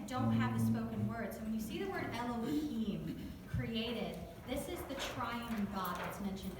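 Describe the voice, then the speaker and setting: A woman with a Southern US accent and a fairly high voice gives a chatty, joking devotional talk to a church group, asking them questions along the way. She's recorded from far off in an echoey church hall, and the audio is noisy.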